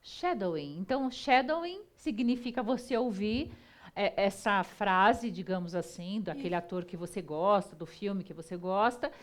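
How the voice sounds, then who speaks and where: A woman hosting a TV talk show, chatty and lively, often talking to the audience. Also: medium pitch, normal speed. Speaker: TV show host.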